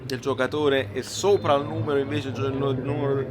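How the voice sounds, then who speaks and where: A man's voice: medium pitch, flat delivery, normal speed. A man with a Neapolitan Italian accent giving a casual, spontaneous football reaction, colloquial, slangy and exclamatory. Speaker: football fan doing a live match reaction. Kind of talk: casual spontaneous match commentary. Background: football match broadcast with crowd.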